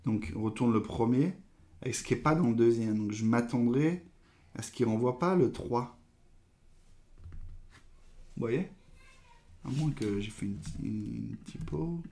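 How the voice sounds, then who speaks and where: Homme, animateur de live coding, pense à voix haute, hésitant, voix moyenne, frappe au clavier en fond. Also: male voice, mid-range voice, a little slow, pauses often, dark tone. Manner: thinking aloud, hesitant, trailing off.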